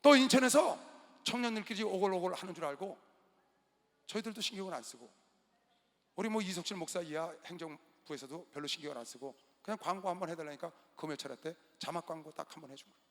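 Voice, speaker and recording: A male pastor preaching a sermon in a large gymnasium, telling a story with sudden loud outbursts and quiet asides. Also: sits high, animated, fast talker. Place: large indoor gymnasium used as a church hall. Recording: long reverb of a large hall.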